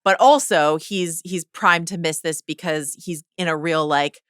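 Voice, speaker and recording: A woman co-hosting a podcast, chatting casually about a TV episode and reading out listener emails with animated disbelief. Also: low voice, a little slow, clear, resonant tone, no echo, studio quality. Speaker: podcast co-host. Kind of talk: casual TV recap chat.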